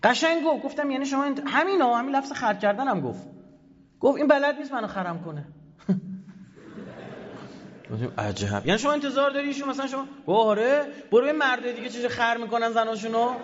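A man who heads an institute, giving a heated, sarcastic talk to an audience, swinging between loud bursts and low asides. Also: lively intonation, slight background noise. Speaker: head of an institute. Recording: dull lo-fi audio in a reverberant hall.

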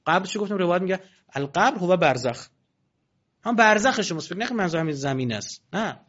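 Guy preaching a sermon, fairly high voice, lively and mocking, dull lo-fi audio. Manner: colloquial, animated, mocking asides. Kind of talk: religious sermon. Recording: dull lo-fi recording.

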